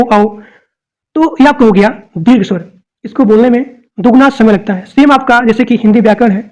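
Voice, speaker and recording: A teacher walks through an exam-prep grammar lesson at a steady, mid-pitched level. The delivery is explanatory and repetitive, and each point is said twice while the teacher addresses the students directly. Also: rough recording.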